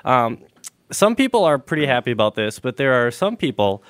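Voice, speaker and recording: A young man hosts a college radio show in a loose, rambling chat, full of fillers and restarts. His voice sits at an ordinary middle pitch. The studio mic sounds close and dry. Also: very animated, fairly quick, fairly bright tone, no room sound. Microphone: studio microphone.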